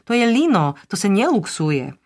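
A narrator voicing a short, round foreign cleaning woman who talks high and in broken grammar. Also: big pitch swings. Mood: eager.

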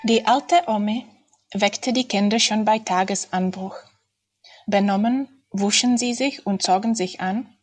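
A woman reading aloud from a children's fairy-tale novel in a measured storytelling manner. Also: mid-range voice, fairly even intonation, soft background music. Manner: slow, deliberate storytelling. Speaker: reader.

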